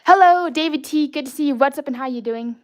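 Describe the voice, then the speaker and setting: A woman's voice: high-pitched, fast. A woman hosting a live drawing stream, talking in a playful, childlike way, greeting viewers, and often restarting her sentences. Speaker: livestream artist host. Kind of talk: casual livestream chat while drawing.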